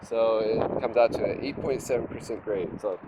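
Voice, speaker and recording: A man with a slightly congested, head-cold voice talks in a casual, halting, self-deprecating vlog monologue, matter-of-fact throughout. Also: lowish voice. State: has a cold with nasal congestion. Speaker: vlogger, trail runner. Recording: loud wind and outdoor noise on mic.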